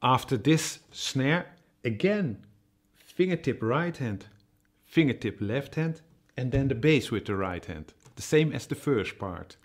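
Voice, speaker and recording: A man explains a cajon groove at a very slow, deliberate pace, stopping often with "uh" as he goes. He speaks the drum strokes aloud to show the rhythm. His pitch sits in an ordinary middle range. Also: expressive. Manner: slow, patient, with many "uh" fillers and spoken drum sounds. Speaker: cajon teacher. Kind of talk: music tutorial.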